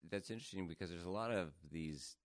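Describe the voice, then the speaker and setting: Very deep-voiced nasal man. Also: fast, no room sound, clean studio sound. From northern Idaho, USA. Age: adult, married. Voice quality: a little nasal. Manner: enunciates carefully. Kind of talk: casual chat.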